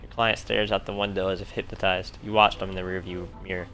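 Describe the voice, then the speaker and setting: A man's voice: low-pitched, level tone, fast, bright, forceful tone, slight background noise. A man streaming a game, reading its text aloud plainly and chatting casually with free swearing.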